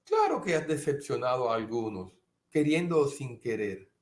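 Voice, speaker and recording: A man's voice: mid-range voice, sing-song, moderate pace. A middle-aged man preaching a sermon as a pastor, earnest, sometimes acting out his listeners' objections. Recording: echoey room.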